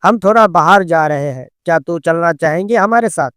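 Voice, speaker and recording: A man's voice: fairly high pitch, lively intonation, moderate pace, fairly bright tone, smooth, no room sound, studio quality. A man voicing an insistent middle-aged mother who keeps pressing her daughter, in a narrated story. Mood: coaxing. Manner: pleading then complaining.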